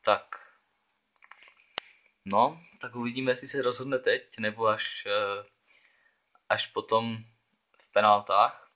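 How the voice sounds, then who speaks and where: A man's voice: lowish voice, flat delivery, long pauses, pushed and bright. A young man from the Czech Republic giving casual, chatty commentary while playing a football video game, thinking aloud and urging on his players. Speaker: gaming channel host.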